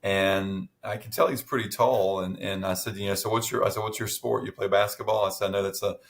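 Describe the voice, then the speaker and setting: A man's voice: fairly low pitch, fairly even intonation, fairly quick, slight background noise. A middle-aged man in casual chat as podcast co-host, telling stories with many restarts and fillers.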